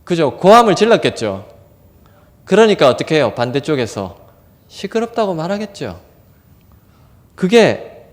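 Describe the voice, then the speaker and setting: Animated high-voiced male preacher in a hall. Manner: animated, acts out crowd voices. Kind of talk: revival sermon. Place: church sanctuary. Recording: long hall reverb.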